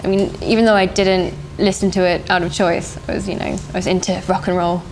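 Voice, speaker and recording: A woman's voice: on the low side, flat delivery, brisk, darkish tone, low-quality recording. A young woman from South Africa, a band singer, answering interview questions in a thoughtful, hesitant way with frequent laughs. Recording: faint background noise.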